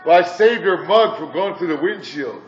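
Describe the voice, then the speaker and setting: A man's voice: high-pitched, expressive, normal speed. Rambling man from Indiana, far off. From Indiana, USA. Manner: rambling, crude, chuckling between stories. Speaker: coffee shop customer. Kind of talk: rambling monologue. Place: indoor coffee shop. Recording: echoey dull distant room recording with music.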